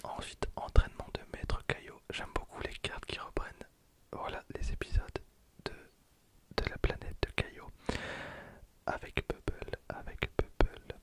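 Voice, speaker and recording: Breathy and entirely voiceless, the whisper belongs to a young male ASMR host in his twenties. He unboxes cards and comments quietly, repeating phrases at a slow pace. His recording setup is a handheld stereo recorder kept close.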